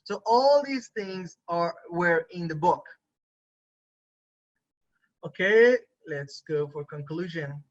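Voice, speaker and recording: A man's voice: a little high, expressive, slow pace, long pauses. A man teaching a university photography class online, lecturing in a conversational way and often checking in with his students. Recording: dull lo-fi recording.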